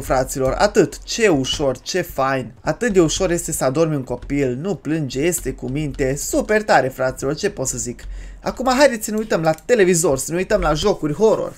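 A gaming creator, giving crude, joking let's-play commentary on a horror game, with sudden loud yells. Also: medium pitch. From Romania.

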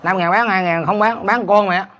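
A man's voice: high-pitched, a little fast, pushed and bright, a faint crowd. A male comedian playing a brash, bossy sticky-rice seller who scolds his friend in a stage sketch. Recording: live stage with background noise.

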